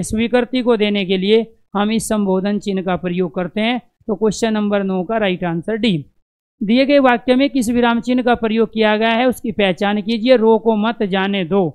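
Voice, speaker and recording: A man's voice: sits high, clear, resonant tone. A male Hindi teacher giving a live exam-prep class. He asks questions and answers them himself, repeats key words in lists, and calls his students dear friends.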